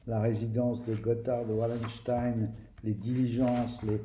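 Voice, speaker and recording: A man's voice: mid-range voice, flat delivery, a little slow, mellow. A man giving a casual spoken review of a tabletop game book, speaking to viewers directly in a hesitant way, with many restarts and fillers. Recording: roomy echo, faint background noise.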